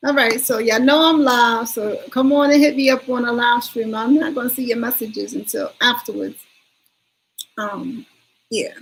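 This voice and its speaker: A woman's voice: on the high side, fairly even intonation, moderate pace, vocal fry, slight background noise, poor audio. Chatty woman rambling on a livestream. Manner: rambling, chatty, addresses viewers directly. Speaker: livestream host. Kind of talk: casual livestream chat.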